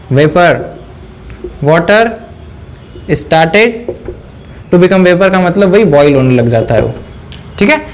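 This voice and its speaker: A man teaching a whiteboard science lesson, asking questions and answering them himself, repeating key terms slowly. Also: sits high. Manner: mixes in English phrases, repeats key words slowly. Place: indoor room.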